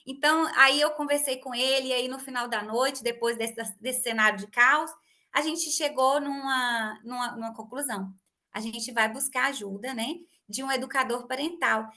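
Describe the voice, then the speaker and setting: A woman in her thirties hosting a casual podcast conversation, telling an animated story and acting out family dialogue. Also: sits high. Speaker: host.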